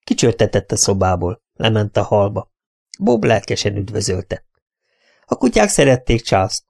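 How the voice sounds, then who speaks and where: A male narrator reading a novel aloud in a steady, measured storytelling manner. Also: fairly low pitch, vocal fry. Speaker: audiobook narrator.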